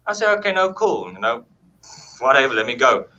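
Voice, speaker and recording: A man telling a paranormal story in a casual, animated way, acting out quoted dialogue and swearing freely. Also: medium pitch, brisk, highs cut off.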